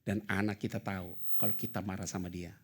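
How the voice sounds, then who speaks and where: A middle-aged male pastor preaching at a church service, moving between loud, high-pitched emphasis and quiet, low, fatherly asides, with casual slang mixed in. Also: little pitch movement, fairly quick, breathy edge. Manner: mixes casual slang and English words into his talk. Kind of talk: sermon.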